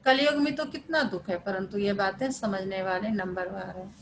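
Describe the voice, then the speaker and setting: A woman's voice: medium pitch, normal speed, slight background noise, rough recording. A woman teaching a spiritual class over a video call, explaining a scripture reading patiently with everyday examples. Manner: explains patiently with everyday examples, code-switching into English words.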